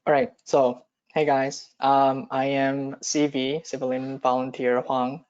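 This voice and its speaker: A man's voice: medium pitch, flat delivery, unhurried, a little mellow, smooth. Hesitant man teaching an online class. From South Korea. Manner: hesitant, many ums and uhs. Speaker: cadet instructor. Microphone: video call. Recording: muffled video call audio.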